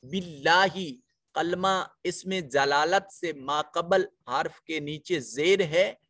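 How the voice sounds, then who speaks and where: A Pakistani-accented man teaches a Quran lesson, and his voice sits fairly high for a man. He works through the verses at a very unhurried pace and explains each pronunciation rule step by step. The recording is close and dry, with no room sound. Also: fairly bright tone, dry recording. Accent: Pakistani Urdu. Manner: slow, drawn-out chanted recitation; methodical explaining of pronunciation rules. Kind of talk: Quran recitation and tajweed lesson.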